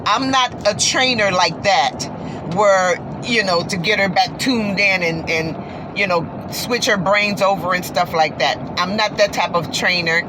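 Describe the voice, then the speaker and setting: A woman's voice: mid-range voice, unhurried. A woman telling a heartfelt story about her horse in an earnest, repetitive, folksy way, talking while riding in a car. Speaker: horse owner vlogger. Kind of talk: casual monologue. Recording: steady road noise behind.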